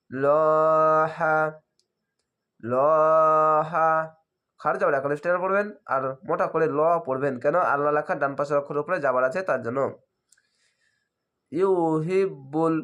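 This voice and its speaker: A man with a somewhat high voice leads a recitation lesson. He chants each word in long, drawn-out syllables, then breaks off to explain the reading rules in brisk, plain speech. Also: a bit bright, highs cut off. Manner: drawn-out chanting of words between quick explanations. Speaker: Quran reading teacher. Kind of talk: slow spelled-out recitation lesson.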